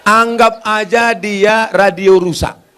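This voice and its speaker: High-voiced preacher, teasing and sing-song. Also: male voice, steady tone, slow, fairly bright tone, a faint crowd, a little hiss or hum. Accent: Malay. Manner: sing-song, teasing, rising to emphatic peaks. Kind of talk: humorous sermon, answering questions.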